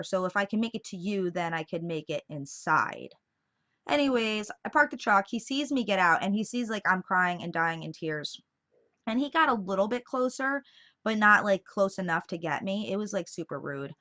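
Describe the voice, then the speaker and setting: A young woman vlogger casually telling a personal story in a chatty, animated way, full of fillers. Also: fairly low pitch. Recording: dull lo-fi sound.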